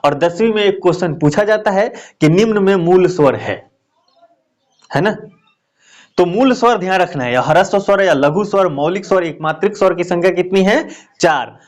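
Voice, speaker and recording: A man with a fairly high voice teaches a grammar class step by step. He keeps asking a question and answering it himself, and he checks in with his listeners often. When he shows a vowel he draws the sound out long. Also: moderate pace. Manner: explains step by step, repeats key answers as questions; stretches out vowel sounds to demonstrate them.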